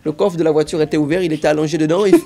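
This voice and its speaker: A man's voice: fairly high pitch, racing, vocal fry. A young man talking casually as a guest in an interview, telling stories and dropping into voices now and then. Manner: lively storyteller, slips into voices and accents. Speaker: guest, impressionist.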